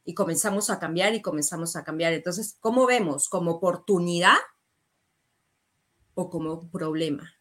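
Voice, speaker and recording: A woman's voice: on the low side, moderate pace, fairly bright tone. A woman hosting a podcast conversation, affirming the others and steering with open questions. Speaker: host.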